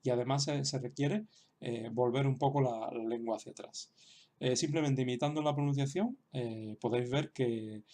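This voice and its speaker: A man's voice: mid-range voice, normal speed, dark tone. A man giving an explanatory lesson as a teacher, talking hesitantly with many fillers and restarts. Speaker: Sanskrit teacher.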